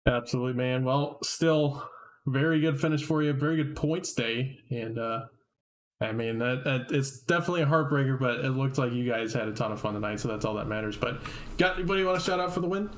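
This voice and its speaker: A man's voice: mid-range voice, a little fast. A man doing casual post-race interviews from a broadcast booth, upbeat and chatty, laughing often.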